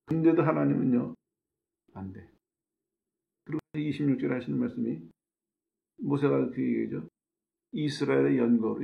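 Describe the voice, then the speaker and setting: A man's voice: mid-range voice, gravelly. A male pastor preaching a sermon, explaining scripture verse by verse and acting out the quoted words of God and Moses. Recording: tinny phone-like sound.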